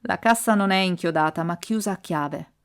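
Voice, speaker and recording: Una lettrice che impersona una ladra astuta e autoritaria, decisa e gelida. Parla in modo perentorio, come in un audiolibro dell'orrore. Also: female voice, fairly low pitch, moderate pace, close to an everyday voice. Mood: commanding. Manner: commanding. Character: greedy scheming woman, cold and commanding.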